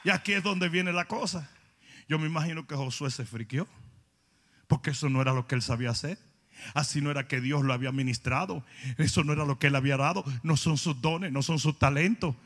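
A male pastor, preaching an emphatic sermon, often shouting and throwing in jokey asides. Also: a little high, brisk, long reverb tail.

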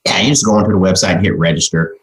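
A man's voice: low-pitched, fairly even intonation, very fast. A man speaking as an interview guest in an informal, folksy way, often dropping in "man" and "you know". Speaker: interview guest, communication trainer and author. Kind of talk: casual interview talk.

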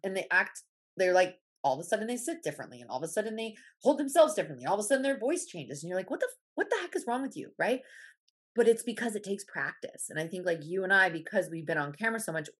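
A woman's voice: mid-range voice, expressive, quick pace. A woman guest in a casual podcast interview, blunt and emphatic, who swears freely.

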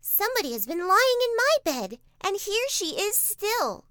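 A woman squeaking as a shrill little bear cub. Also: very animated, measured pace, dry recording, studio quality, heavily acted. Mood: alarmed. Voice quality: sharp and shrill. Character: tiny young male bear cub, indignant.

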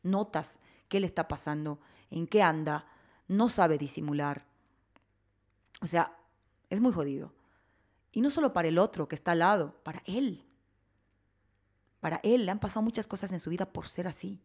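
A woman's voice: fairly low pitch, normal speed, pauses often, darkish tone. A woman, hosting a casual chat in a reflective, confiding way. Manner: reflective, confiding, says "pará" and "vos".

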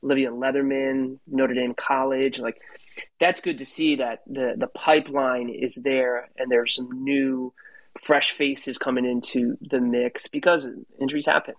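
A man co-hosting a rugby podcast, talking in a measured, hedging way. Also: mid-range voice, little pitch movement, no room sound, low-quality recording. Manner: measured, hedging, uses fillers. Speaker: podcast co-host. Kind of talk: casual rugby chat.

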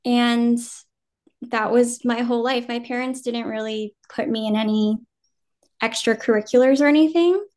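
A woman in her thirties from New Jersey, whose first language was Vietnamese and who now has an American accent, chats loosely as a guest actor in an interview. Her fairly high voice moves at a moderate pace, and she's relaxed and rambling, laughing easily and dropping plenty of "um" and "like."

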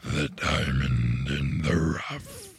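The rumbling Cave of Wonders. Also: male voice, wildly swooping pitch, dry recording, full character voice. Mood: ominous. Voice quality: gravelly, breathy, slow and drawn out. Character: huge booming male talking cave, ominous.

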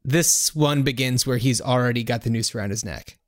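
A man co-hosting a podcast, calmly walking through film scenes with fillers like "kinda" and "uh". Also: mid-range voice, a little fast, heavy background noise. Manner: relaxed, explaining scenes with fillers. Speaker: podcast co-host. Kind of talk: casual film discussion.

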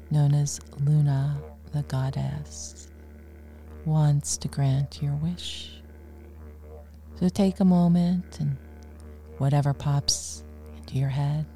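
A woman leading a guided relaxation meditation in a soft, breathy near-whisper, soothing, with pauses between short phrases. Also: low voice.

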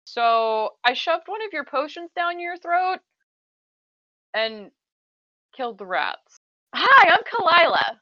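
A woman playing a tabletop game, lively and playful, sometimes speaking in character. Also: sits high, takes it slowly, pauses often, dry recording, muffled recording. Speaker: player. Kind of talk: tabletop role-play, casual chat.

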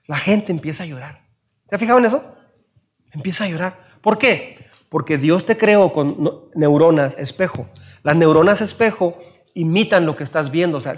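A man with a Mexican Spanish accent preaching a sermon, asking his listeners questions and acting out little scenes in raised voices. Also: on the high side. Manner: asks the audience questions. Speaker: pastor.

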